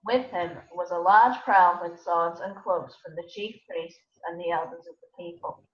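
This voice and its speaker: A woman's voice: on the low side, moderate pace. A woman giving a scripted narration of scripture as the narrator of a dramatised reading. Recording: echoey room, dull lo-fi sound.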